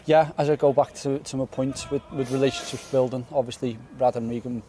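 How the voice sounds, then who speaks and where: Quick-talking young footballer after a match. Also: male voice, medium pitch, steady tone, dark tone, slight background noise. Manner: quick, earnest, repeats words while thinking. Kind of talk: post-match interview. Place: floodlit football stadium pitch at night, outdoors. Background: faint outdoor stadium ambience.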